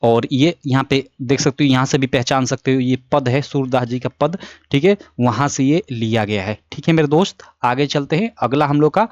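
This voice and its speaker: A man's voice: mid-range voice, moderate pace, darkish tone, no echo. A young man casually walking students through an exam paper, often checking in and correcting himself as he goes. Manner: casual, repeats filler checks, self-corrects. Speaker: teacher. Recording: dull lo-fi sound.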